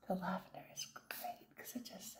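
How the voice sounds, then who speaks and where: A middle-aged woman doing a whispered role-play as a soothing, gentle hair stylist, with a breathy, slightly creaky whisper, getting over an illness. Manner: soothing, unhurried, gentle reassurance. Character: calm, attentive female hair stylist. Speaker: ASMR performer playing a hair stylist. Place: small indoor room with fabric backdrop.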